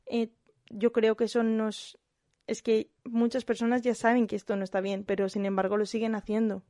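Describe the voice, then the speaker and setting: Thoughtful Spanish woman, slightly high voice. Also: normal speed, dry recording, studio quality. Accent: Spanish (Spain). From Spain. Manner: calm, thoughtful, hesitant restarts. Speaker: kindergarten teacher. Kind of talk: reflective monologue.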